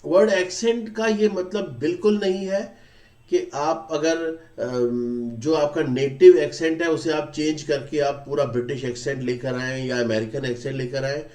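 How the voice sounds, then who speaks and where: A man with an Indian English accent teaching a speaking class. He switches between Hindi and English, slow and deliberate in English and rapid in Hindi. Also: on the high side, steady tone, darkish tone, roomy sound.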